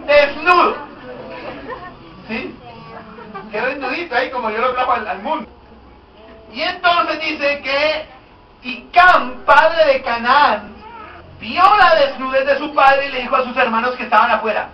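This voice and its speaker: A man's voice: very high-pitched, a little slow, long pauses, lo-fi sound, a little hiss or hum. A man preaching a humorous sermon, joking and asking the congregation questions. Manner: jokey, animated, asks the congregation questions. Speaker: pastor. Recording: echoey hall, mic at a distance.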